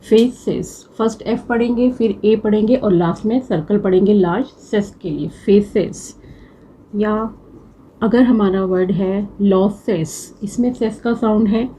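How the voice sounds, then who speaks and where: Slow, patient woman teacher. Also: mid-range voice, dark tone, slight background noise, rough recording. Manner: patient, repeats words slowly to drill them. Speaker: shorthand teacher. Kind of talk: slow classroom explanation.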